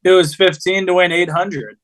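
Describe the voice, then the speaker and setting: A man's voice: high-pitched, steady tone, moderate pace. A man co-hosting a casual sports betting chat, telling rambling stories in informal slang. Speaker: podcast co-host.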